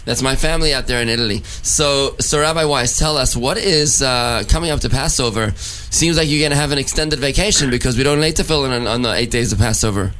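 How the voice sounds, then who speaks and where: A man hosting a radio talk show as a rabbi, chatty and quick, with many restarts. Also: medium pitch, pushed and bright, slight background noise. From United States.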